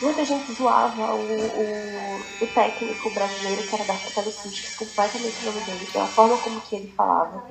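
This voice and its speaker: A woman with a Pernambuco Brazilian accent, a language teacher talking as a podcast guest, explaining in an animated, emphatic way while thinking aloud. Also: mid-range voice, a little fast, vocal fry, hardly any pauses, music in the background. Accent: Pernambuco Brazilian Portuguese. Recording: echoey room.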